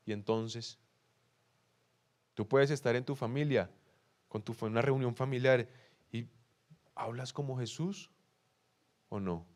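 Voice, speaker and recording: A young man from Colombia, a pastor with a Bogotá accent, preaching in an animated way, asking the congregation questions and acting out quoted excuses. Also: medium pitch. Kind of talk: sermon.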